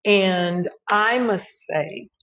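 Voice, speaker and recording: A young woman, co-hosting a casual couple's podcast, animated and laughing often. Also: medium pitch, very slow, slight background noise, rough recording. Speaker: podcast co-host.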